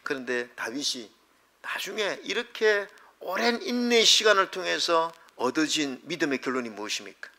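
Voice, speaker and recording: Male pastor preaching in church; piercing, somewhat high voice, dramatic, jumps between loud cries and hushed whispers. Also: very animated, moderate pace. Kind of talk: Sunday sermon. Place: church sanctuary.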